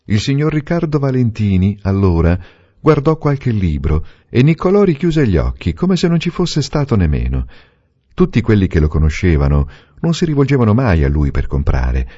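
A man narrating a novel aloud in a measured, expressive reading. The recording sounds dull and lo-fi. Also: on the low side, husky. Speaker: reader. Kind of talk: audiobook narration.

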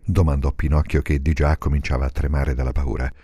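A man narrating a storybook in an expressive, dramatic reading. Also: rumbling low, brisk, slightly rough, dry recording, clean studio sound.

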